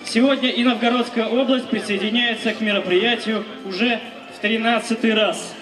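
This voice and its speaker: A man's voice: sits high, steady tone, moderate pace. A man in his thirties reading a formal announcement from notes into a handheld mic at an outdoor event. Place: outdoors on building steps, over a loudspeaker. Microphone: handheld microphone. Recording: echoey distant outdoor PA with music.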